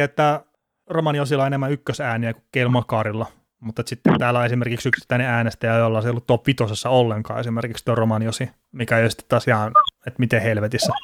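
A man's voice: medium pitch, dry recording, studio quality. A man hosting a casual sports podcast, chatty and rambling, laughing now and then. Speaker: podcast host.

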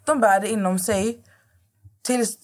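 A woman's voice: medium pitch, fairly even intonation, darkish tone. A woman talking casually as a guest on a podcast, rambling and restarting her sentences as she searches for words. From Middle East. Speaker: guest influencer.

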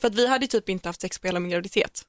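A young woman co-hosting a podcast, telling a personal story in animated, quick casual chat and acting out what people said. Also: mid-range voice, no room sound, studio quality. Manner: animated, fast storytelling with acted-out quotes and laughter. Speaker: podcast co-host.

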